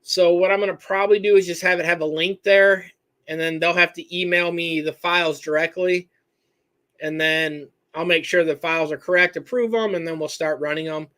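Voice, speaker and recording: Casual live-stream host from Michigan, high, bright voice, rambling answers. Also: male voice, steady tone, fairly quick. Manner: rambling, self-correcting, reads chat names aloud. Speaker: host answering viewer questions.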